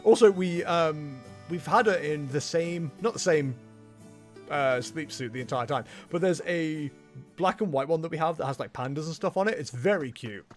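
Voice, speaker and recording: A man's voice: a little high, moderate pace, soft background music. A man chatting casually and commenting on a video game in a jokey, rambling way.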